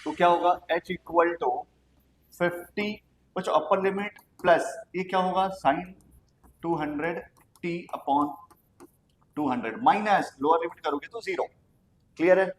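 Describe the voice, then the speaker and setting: A man teaching physics, working through exam problems step by step and checking in with the class. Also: high voice. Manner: talks the class through steps with quick checks like "clear?". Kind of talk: exam problem-solving lesson. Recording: echoey room with faint noise.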